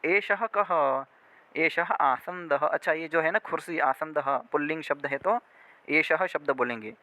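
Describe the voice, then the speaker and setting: A man teaching a spoken Sanskrit lesson, drawing out the model phrases slowly and often checking whether the class has understood. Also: a little high, bright, forceful tone, no echo. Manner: slow, drawn-out model phrases with frequent check-ins.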